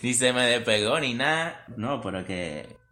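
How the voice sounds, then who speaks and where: A man, co-hosting a podcast, bantering and teasing in relaxed casual chat. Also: mid-range voice, a little slow. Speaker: podcast co-host.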